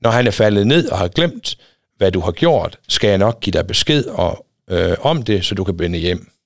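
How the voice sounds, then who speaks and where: A man's voice: sits low, animated, dry recording, clean studio sound. A man reading aloud, voicing the worried mother Rebekah with an urgent warning tone.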